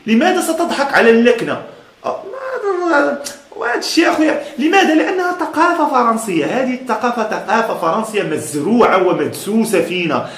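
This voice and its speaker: A man's voice: extremely high pitch, big pitch swings, quick pace, reverberant. A man from Morocco with a Moroccan Amazigh accent, giving a casual motivational talk in an emphatic, blunt way, laughing often between points. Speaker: motivational speaker.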